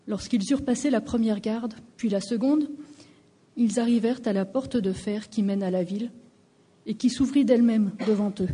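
A woman reads scripture aloud in a steady, measured way. Her voice is very dark and mellow, with a husky edge. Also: medium pitch. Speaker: scripture reader. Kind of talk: Bible reading.

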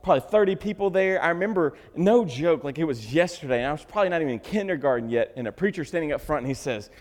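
A man preaching a sermon, joking with the congregation and swinging from loud bursts to hushed asides. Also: fairly high pitch, expressive, fast. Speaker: pastor. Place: church sanctuary. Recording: reverberant hall.

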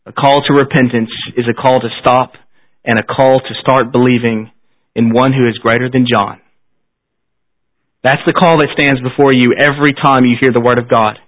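A man's voice: medium pitch, steady tone, moderate pace, long pauses. Pastor guy preaching into the pulpit mic, earnest, asks the church lots of questions, kinda muffled recording. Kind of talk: sermon. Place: church service. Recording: dull, slightly lo-fi sound.

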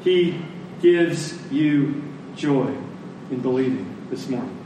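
His medium-pitched voice is animated and slow as he preaches with earnest emphasis, repeating phrases for weight and finishing the sermon with a prayer. The setting is a church service in a large echoing hall, recorded from a distance with faint noise and plenty of echo.

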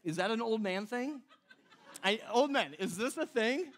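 Preaching to a congregation, this middle-aged man uses a very high-pitched, animated, fairly bright voice at a measured pace. His teaching sermon is conversational, full of self-interruptions, rhetorical questions and direct address, and his s sounds whistle slightly.

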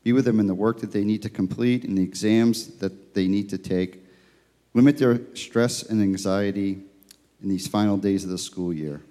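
Male church elder with a low, warm voice, praying in a big church with a cathedral echo. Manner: steady, measured, reverent. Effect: long cathedral-like echo. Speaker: church elder leading prayer. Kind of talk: spoken congregational prayer. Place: church sanctuary. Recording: long reverb of a large church hall.

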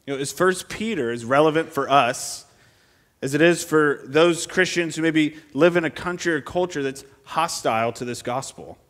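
A man's voice: a little high, normal speed, fairly bright tone, big-room sound. A man preaching an expository sermon at a pulpit microphone in a church, speaking earnestly and asking the congregation many rhetorical questions.

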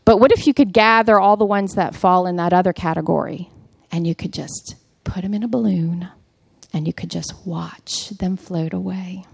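A woman's voice: fairly low pitch, vocal fry, a little mellow, breathy edge, no echo. Woman telling a devotional story, dry sound. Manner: storytelling with humor, chatty. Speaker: speaker at a mothers' group. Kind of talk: personal devotional talk.

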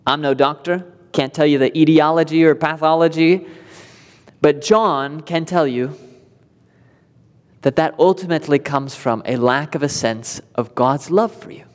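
A man's voice: on the high side, measured pace, clear, resonant tone, long reverb tail. A male pastor preaching a sermon in a conversational way, with light laughs between points.

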